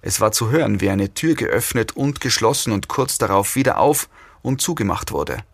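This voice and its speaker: A man reading a first-person story aloud as an audiobook narrator, wry and even. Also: on the low side, moderate pace, creaky, breathy edge, no room sound.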